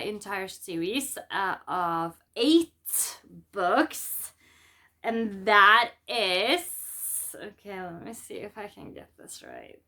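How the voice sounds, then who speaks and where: A Norwegian woman, a native speaker with a Norwegian accent, chats casually to the camera while showing off a book haul for her vlog. Her voice sits at a medium pitch with a fairly bright tone.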